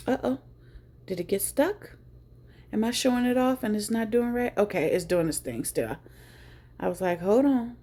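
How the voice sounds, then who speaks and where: A woman's voice: mid-range voice, a little mellow. A woman hosting a casual phone tutorial, chatty and joking, thinking aloud as she goes. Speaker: tech tutorial host. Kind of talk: casual screen-share tutorial.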